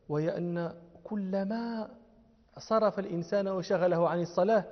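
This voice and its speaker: A man giving a classroom religious lecture, explaining step by step and quizzing his students. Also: sits high. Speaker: religious teacher. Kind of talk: classroom lecture on hadith and grammar. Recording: dull lo-fi audio in a reverberant hall.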